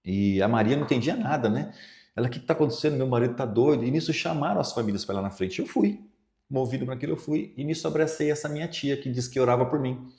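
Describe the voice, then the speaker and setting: A man's voice: medium pitch, fast talker, creaky, a little mellow. A middle-aged man with a Brazilian Portuguese accent from São Paulo, a pastor giving a personal testimony in a podcast interview, telling it with feeling and quoting himself and others. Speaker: pastor, guest. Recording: echoey room.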